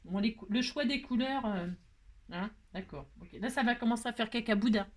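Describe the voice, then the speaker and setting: Woman, from France, craft tutorial host, playful, self-mocking, chatty, higher voice. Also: a little fast. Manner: playful, self-mocking, frequent "hein" tag; cooing baby talk to her pet.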